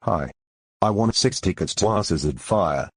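A man playing a shabby older homeless man in a cartoon, with a husky voice. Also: deep voice, animated, unhurried, no echo, clean studio sound, heavily acted. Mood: plain, obliging.

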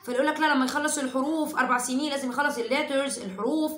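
A high-pitched woman with an Egyptian Arabic accent, teaching English to parents in a chatty, lively way. She slips into little chanted drills between her explanations. Her voice rings in a roomy, echoey space. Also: racing. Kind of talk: explaining and singing a lesson for parents.

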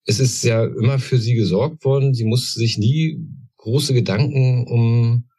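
A man, an author, reading aloud from his own novel in a measured, deliberate way, then talking about his characters. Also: medium pitch, warm tone, husky.

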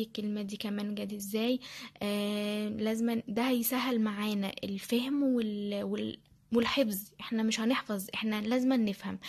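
A woman with an Egyptian accent walking viewers through how she studies, chatty and full of fillers. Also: medium pitch. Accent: Egyptian Arabic. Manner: chatty, repeats phrases, many fillers. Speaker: language learner sharing study tips. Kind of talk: casual screen-share tutorial.

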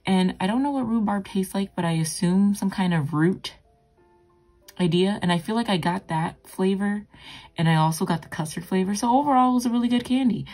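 A young art vlogger with a lowish, dark-toned voice talks casually while she draws, sounding groggy as if just awake. Her narration is chatty, rambling, and self-deprecating.

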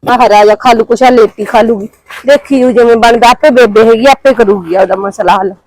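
A woman's voice: fairly high pitch, fairly quick, darkish tone, no echo, lightly acted, poor audio. A woman playing an anxious young housewife with a Punjabi accent, muttering her worries to herself. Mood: worried. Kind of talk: drama monologue.

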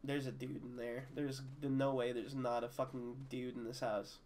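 A male streamer chatting casually while playing a horror game, swearing freely, laughing often, swinging between mutters and loud outbursts. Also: mid-range voice, level tone, moderate pace, a little hiss or hum. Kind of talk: casual gaming chat.

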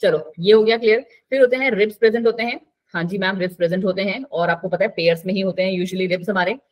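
A woman's voice: mid-range voice, quick pace, slight background noise. A woman teaching a live online biology class, chatty and coaxing, mixing English terms into her talk.

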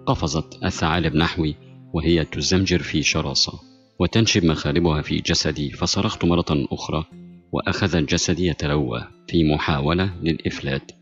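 A man narrating a horror novel as a steady storyteller, reading every part in one voice. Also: very deep voice, a little fast. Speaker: audiobook narrator. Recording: dull lo-fi voice with faint music.

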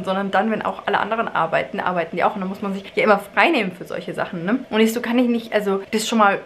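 A woman's voice: mid-range voice, fairly bright tone, a little hiss or hum. A woman vlogging casually, a mother who retells her day and acts out the dialogue of the people in it. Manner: chatty storytelling, acting out dialogue with "ich so, sie so". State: exhausted from cleaning in the heat. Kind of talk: casual vlog chat. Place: home, then garden outdoors.

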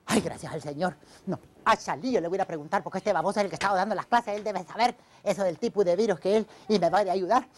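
A woman's voice: mid-range voice, fast, lightly acted. A woman playing Doña Tencha, a panicky, bossy older housewife, in a comic sketch, talking in frantic pleas and exclamations. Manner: frantic, pleading, full of sighs and exclamations.

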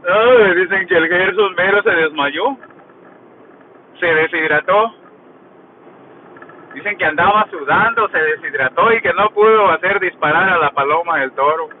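A man's voice: high-pitched, unhurried, long pauses. A man with a Mexican accent, vlogging in a crude, mocking, joking way as he tells gossip. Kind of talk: casual gossip monologue. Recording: tinny phone-like sound with faint noise.

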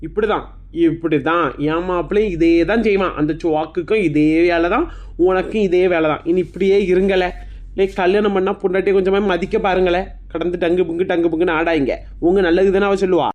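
A woman's voice: fairly low pitch, fairly even intonation, fairly quick, lo-fi sound, pitched below the performer's own voice, lightly acted. A woman with a Kanyakumari Tamil accent voicing a blunt older neighbor woman who scolds a young husband. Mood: scolding. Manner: blunt, chiding.

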